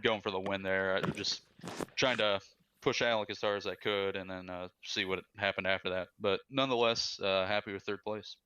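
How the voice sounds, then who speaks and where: Racing driver guy, low smooth bright voice, kinda muffled chat audio. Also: steady tone, moderate pace. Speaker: race driver interviewed. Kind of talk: post-race interview.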